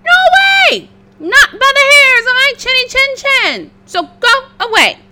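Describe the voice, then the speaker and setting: Woman doing a shrill, frantic little girl pig. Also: big pitch swings, measured pace, full character voice. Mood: defiant. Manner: shrill, panicked shouting. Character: squealing frightened young female pig.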